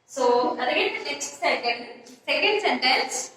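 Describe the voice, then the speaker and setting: A woman with a high-sitting, slightly bright voice teaches an English grammar lesson slowly and with lively intonation. She repeats points, spells words out letter by letter, and checks in with "yes?". She sounds far off in an echoey room.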